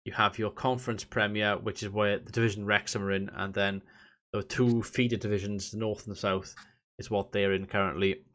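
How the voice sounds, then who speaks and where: A man's voice: on the low side, flat delivery, fairly quick, a bit bright. A man from south Wales with a Valleys accent, giving casual, chatty commentary as host of a gaming vlog. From Merthyr Tydfil, south Wales. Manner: informal, chatty explaining.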